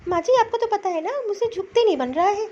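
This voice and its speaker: A woman with an extremely high, expressive, warm voice plays a cartoon story's young new mother who is weak and sore from giving birth. Speaking at a quick pace, she whines in a plaintive, self-pitying way, sounding tired, and the lo-fi recording is slightly dull.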